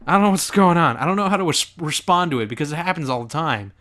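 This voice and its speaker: Brief: male let's play commentator, lively pitch, slightly high, sarcastic jokes. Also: fast. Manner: animated, sarcastic and joking. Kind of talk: reaction commentary on his old video.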